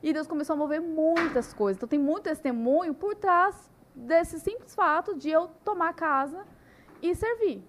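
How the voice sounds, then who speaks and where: A young woman telling her story in a casual podcast chat, animated and full of "né" tags. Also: high voice, normal speed, a little hiss or hum. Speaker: podcast guest.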